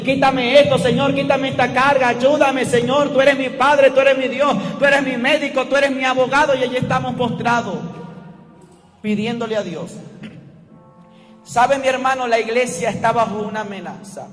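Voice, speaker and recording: A man preaching a sermon with impassioned shouting, calling his listeners brother. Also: very high voice, in a large hall.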